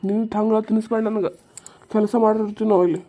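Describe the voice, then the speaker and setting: A woman voicing an old drunkard village husband, who talks back gruffly and curtly in a cartoon comedy. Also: medium pitch, little pitch movement, fast talker, mellow, lo-fi sound, close to an everyday voice.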